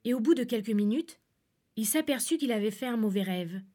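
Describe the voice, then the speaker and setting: A woman with a somewhat high voice reads a fairy tale aloud at a steady, calm pace. Her storytelling is even and clear. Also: brisk.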